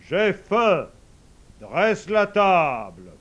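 A man voicing a majestic old lord in a storybook, giving loud, slow orders. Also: high voice, sing-song, lo-fi sound, voice pushed up, exaggerated voice. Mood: commanding.

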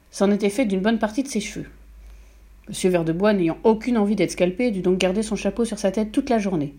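Mellow-voiced woman narrating a storybook. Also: mid-range voice. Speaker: audiobook narrator. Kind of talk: scripted narration of a children's novel.

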